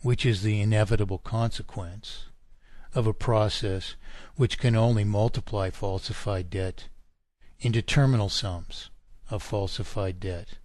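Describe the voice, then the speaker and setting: A man holds forth on a radio program in a slow, measured delivery, his voice sitting fairly low. He presses his points with insistent emphasis and jumps up sharply when he asks indignant questions. The sound is dry and close, with no room around it. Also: steady tone, darkish tone, dry recording. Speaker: radio show guest. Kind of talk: talk radio monologue.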